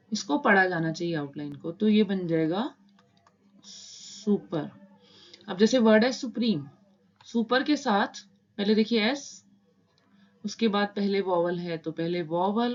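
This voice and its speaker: A woman's voice: mid-range voice, highs cut off. Patient woman teaching shorthand. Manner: patient, repeats steps, mixes English terms into Hindi. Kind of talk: step-by-step lesson explaining while writing.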